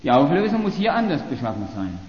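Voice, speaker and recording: A man's voice: on the high side, big pitch swings, fast talker, lo-fi sound. Sarcastic male lecturer in echoey hall. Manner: sarcastic, argumentative, restarts phrases. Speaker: university lecturer. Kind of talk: polemical lecture.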